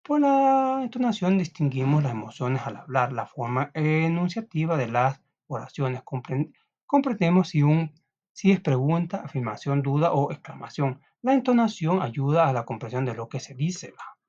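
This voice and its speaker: A man's voice: a little high, expressive, moderate pace, a little mellow. A man with a Salvadoran Spanish accent who teaches a class, reading from a text aloud and often checking in with his students. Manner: reads aloud, with frequent tag questions and restarts. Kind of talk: recorded classroom lesson. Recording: dull lo-fi recording.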